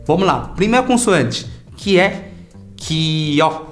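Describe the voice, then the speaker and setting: A man teaches an online language lesson in a chatty, relaxed way, pausing to drill sounds for his students to repeat. His voice sits a little high and swings widely in pitch. Faint music plays underneath.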